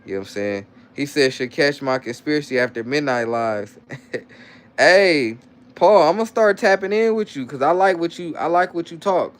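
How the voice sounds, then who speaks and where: On a relaxed livestream, a young man reads chat comments aloud and rambles through answers in slang, frequently starting over. His voice runs on the high side, animated and at normal speed.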